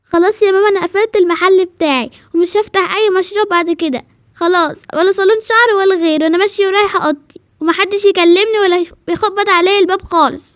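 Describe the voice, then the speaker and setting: A woman voicing Anya, a high eager girl. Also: fairly even intonation, racing, dry recording. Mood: upset. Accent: Egyptian Arabic. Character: girl who opens a hair salon, eager, sensitive. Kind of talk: voiced game role-play.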